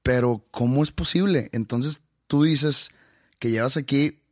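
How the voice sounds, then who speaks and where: A man's voice: medium pitch, unhurried, dry recording, studio quality. Man, mid voice, teasing and challenging, slangy. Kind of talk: casual chat.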